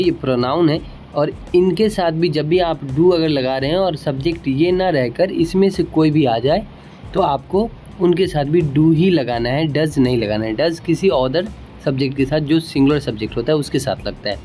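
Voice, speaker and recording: An Indian-accented man teaching a casual English lesson, with a voice pitched a little higher than usual. He explains patiently and slows down to repeat example sentences. A faint noise sits under the recording. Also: dark tone.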